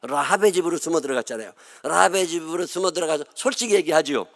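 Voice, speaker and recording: This middle-aged Chungcheong man, a pastor with a Chungcheong Korean accent, delivers a revival sermon in a church sanctuary. His voice is a little high and a bit bright, and he talks fast, spinning folksy, joking stories while muttering and imitating other people.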